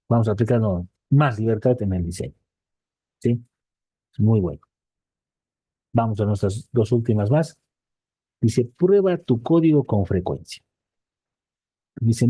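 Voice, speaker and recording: A middle-aged man with a very dark, mellow voice teaches a casual online programming class. He reads points aloud, then explains them in loose asides, checking in with his students and repeating himself as he goes. The sound is close and dry. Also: fairly low pitch, animated, a little slow, pauses often, slightly rough, no echo. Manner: checks in with frequent "¿sí?" tags; often restarts and repeats words.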